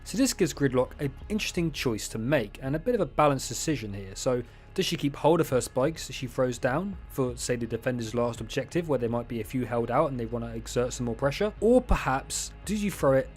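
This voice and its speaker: Young male gaming host, casual voice-over, mid pitch, cheeky asides. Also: expressive, a little fast, faint music behind. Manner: chatty, joking asides, self-mocking. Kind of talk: casual game update rundown over gameplay.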